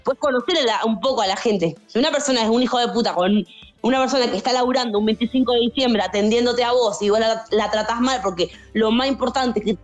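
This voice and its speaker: A woman's voice: fast, faint music behind. A young woman, telling funny stories in a casual podcast chat. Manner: animated, acts out customers in high shouted voices. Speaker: guest storyteller, stand-up comic.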